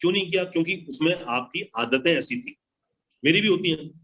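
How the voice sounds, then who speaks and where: A man's voice: fairly high pitch, lively intonation, brisk, fairly bright tone, rough recording. Emphatic Hindi-speaking motivational speaker, man. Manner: emphatic, repeats key phrases. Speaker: motivational speaker answering questions. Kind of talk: advice talk to an online audience.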